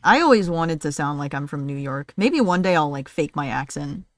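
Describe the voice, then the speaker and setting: Chatty young woman, low dry voice. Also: animated, moderate pace, no room sound. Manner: chatty, playful teasing. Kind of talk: casual chat on a live stream.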